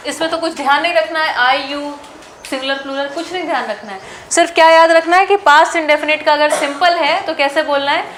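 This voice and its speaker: A woman teacher with an Indian accent, drilling English grammar sentences in a classroom lesson, slow and word by word. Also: sits high, a bit bright, a little hiss or hum.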